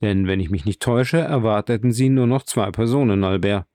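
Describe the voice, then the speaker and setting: A witty young journalist, as a male narrator reads him, speaking briskly and with confidence. The audiobook sound is dry, with no room around it. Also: fairly low pitch, dark tone, dry recording, close to an everyday voice. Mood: assertive.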